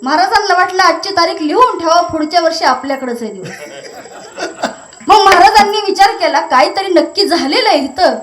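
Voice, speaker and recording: High-voiced woman preaching a kirtan. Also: a little fast, reverberant, soft background music. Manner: lively storyteller who breaks into chanted verses. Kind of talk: devotional sermon with storytelling and song.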